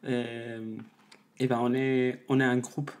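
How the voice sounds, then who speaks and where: A woman, a musician answering interview questions in a halting way, searching for her words. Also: extremely low pitch, level tone, darkish tone. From Mexico. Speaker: guest, musician.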